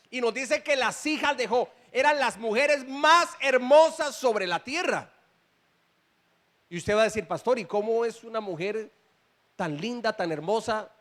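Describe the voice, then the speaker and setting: A male pastor preaches in a church with a strikingly high voice. He reads scripture aloud and breaks into emphatic, rising bursts, speaking directly to his congregation. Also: a bit bright. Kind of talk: sermon.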